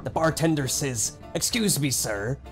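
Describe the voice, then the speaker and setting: A man's voice: mid-range voice, expressive, a little slow. Playful man growling pirate talk. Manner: jokey, says "arr" constantly, mock pirate talk. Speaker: streamer playing a pirate character. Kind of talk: casual gaming chat in a pirate voice. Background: game music.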